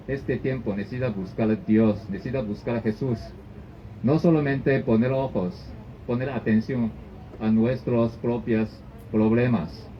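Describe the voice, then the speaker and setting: A man preaching a sermon as pastor, in halting phrasing that often restarts and repeats. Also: medium pitch. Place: church service. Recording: dull lo-fi recording with faint noise.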